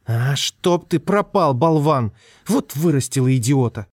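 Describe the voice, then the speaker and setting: A man's voice: mid-range voice, expressive, measured pace, dry recording, clean studio sound. A man voicing a doting but short-tempered middle-aged mother who fusses and scolds. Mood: doting, scolding.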